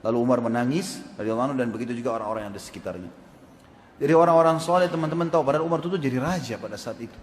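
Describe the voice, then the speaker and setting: A man's voice: mid-range voice, racing, slight background noise. A man preaching a sermon, asking his audience questions and acting out quoted speech. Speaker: Islamic preacher. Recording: echoey hall with long reverb.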